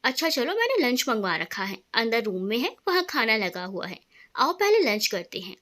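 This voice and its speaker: A woman's voice: fairly high pitch, very animated, moderate pace, a bit bright. A woman voicing a playful, affectionate young man who teases his wife, in a storybook reading. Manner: teasing, affectionate. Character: playful young man, teasing loving husband.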